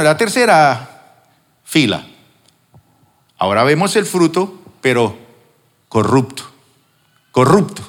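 A man preaching a sermon as pastor, teaching with acted-out examples and emphatic pauses. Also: medium pitch, a bit bright. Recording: long hall reverb.

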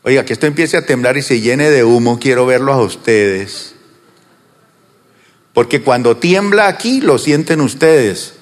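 A male pastor preaching to his congregation, asking them questions and answering them, slowing down on some words and rushing through asides. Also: medium pitch, animated, big-room sound. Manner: swings between slow drawn-out words and fast asides. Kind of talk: sermon. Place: church.

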